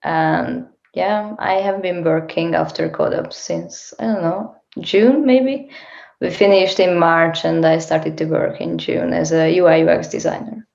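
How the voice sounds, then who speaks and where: A woman's voice: lowish voice, steady tone, a little slow, gravelly, darkish tone. A woman, a UX designer, introducing herself hesitantly on a video call. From Hungary. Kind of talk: casual self-introduction. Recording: echoey room, dull lo-fi sound.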